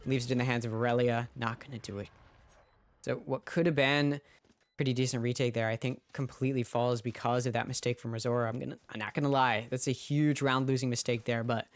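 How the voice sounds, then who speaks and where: A man's voice: mid-range voice, no room sound. A man streaming a watch party, giving casual play-by-play commentary on an esports match and talking straight to his chat.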